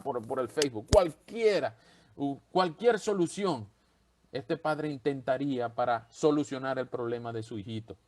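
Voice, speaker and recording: A man preaching a sermon as pastor, expressive and acting out the voices he quotes. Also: mid-range voice.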